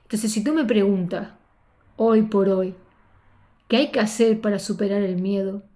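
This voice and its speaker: Woman, Spain Spanish accent, spiritual coach; expressive motivational storyteller, mid-pitched, leans on repetition. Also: moderate pace. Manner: expressive, repeats words for emphasis.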